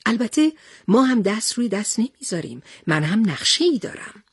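A woman's voice: mid-range voice, sing-song, husky, dry recording, clean studio sound. A woman voicing a brave male sea captain who speaks steadily and reassuringly. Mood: steady.

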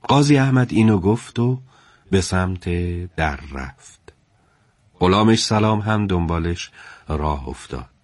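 A man narrating a historical tale in a measured, dramatic way. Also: deep voice, animated, no echo. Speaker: storyteller. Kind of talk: storytelling narration.

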